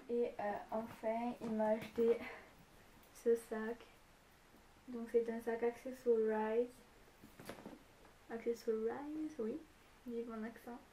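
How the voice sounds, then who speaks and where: A woman's voice: fairly high pitch, warm tone, a little hiss or hum. A young woman chatting through a casual beauty vlog, gushing as she shows off products. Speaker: beauty vlogger.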